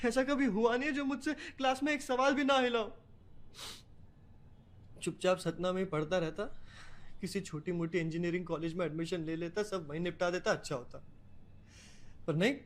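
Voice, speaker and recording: A man's voice: high voice, lightly acted. An actor playing a young male student, crying and overwhelmed by his studies. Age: young adult. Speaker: student preparing for entrance exams. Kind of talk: scripted series acting.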